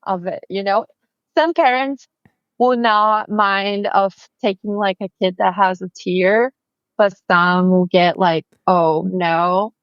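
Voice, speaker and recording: Guesting in a relaxed interview, a woman from Brazil with a Brazilian accent talks about her work as a family photographer, friendly and prone to fillers and restarts. Her medium-pitched voice is smooth and steady and unhurried. The recording is dry and muffled.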